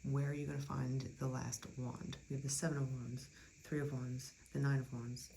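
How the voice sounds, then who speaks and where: A tarot reader talking through a card spread in a chatty, reassuring way, often dropping into soft near-whispers. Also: medium pitch, little pitch movement, moderate pace, creaky, a little hiss or hum, poor audio. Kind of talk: casual tarot reading.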